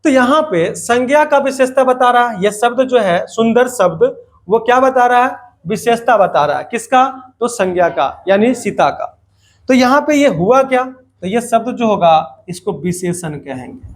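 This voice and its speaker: A man's voice: very high-pitched, animated, measured pace. A man teaching a grammar lesson to students, repeating points and asking questions that he answers himself, with playful asides.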